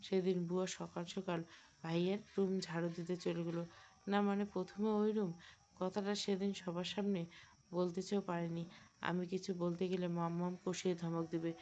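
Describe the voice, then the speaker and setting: Keen boy cousin turned detective, read by a woman, low voice, lo-fi audio story. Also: flat delivery, normal speed, dark tone, lightly acted. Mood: earnest. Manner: earnest, probing, questioning. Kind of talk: audiobook character reading.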